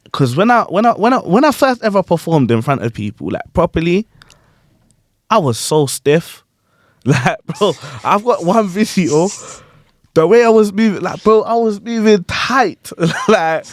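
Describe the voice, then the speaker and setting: A grime MC hosts a podcast, chatting casually about performing in a high voice at a slightly slow pace. Animated and slangy, he checks in with guests and leans on "you get what I'm saying." The studio sound is clean, with no echo.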